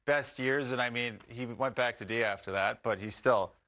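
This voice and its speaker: Bright-voiced man telling hockey stories. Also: medium pitch, moderate pace. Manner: joking, storytelling, acts out quotes. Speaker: co-host, former player. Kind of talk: casual chat.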